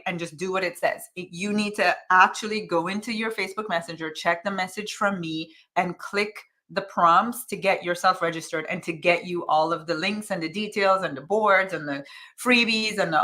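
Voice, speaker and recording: Her voice sits on the low side with a bit of brightness as this woman coach hosts a casual, upbeat motivational live stream. She names viewers while reading their comments and repeatedly presses them with calls to action.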